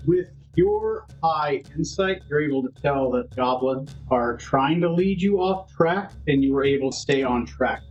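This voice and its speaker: Lo-fi game master narrating. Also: male voice, a little high, expressive, measured pace, hardly any pauses. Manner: descriptive, calls for dice rolls. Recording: dull lo-fi recording. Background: faint music.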